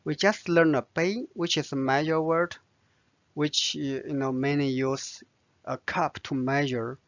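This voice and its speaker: A man's voice: fairly high pitch, fairly even intonation, measured pace, a bit bright, no echo, lo-fi sound. A man with a Chinese accent teaching vocabulary, patiently spelling out each word and its tone. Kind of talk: slow vocabulary lesson.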